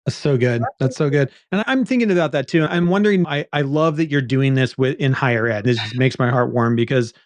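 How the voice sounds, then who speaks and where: A man's voice: mid-range voice, fairly quick, hardly any pauses, no room sound. A man hosting an interview, asking questions in an enthusiastic, affirming way. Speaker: podcast host. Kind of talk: conversational interview.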